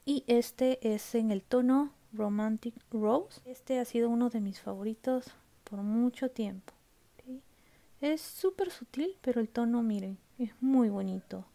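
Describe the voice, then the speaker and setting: A woman's voice: on the high side, measured pace, vocal fry, dark tone. A woman vlogging casually from home, showing her makeup collection, chatty and often checking in with her viewers, sometimes dropping to a whisper. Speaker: beauty vlogger. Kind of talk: casual product show-and-tell.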